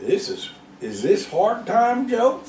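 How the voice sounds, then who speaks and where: A man's voice: very high voice, wildly swooping pitch, takes it slowly, darkish tone, a little hiss or hum, pitched above the performer's own voice, exaggerated voice. A man voicing a curious young male work animal who asks questions and fusses when tired. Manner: questioning, fussing. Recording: roomy, distant, faint background.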